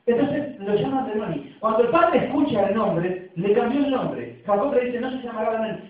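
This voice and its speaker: An Argentine man preaches with a high voice, talking conversationally and checking in with his listeners through frequent tag questions. He is heard from far off in a very echoey church, through a thin, phone-like sound. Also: expressive, normal speed. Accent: Argentine Spanish. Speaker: pastor. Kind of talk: sermon.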